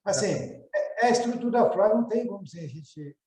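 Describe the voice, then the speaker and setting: Brazilian male co-teacher, hesitant explainer, high and mellow, echoey room. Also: animated, quick pace. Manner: hesitant, searching for words. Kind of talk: classroom explanation.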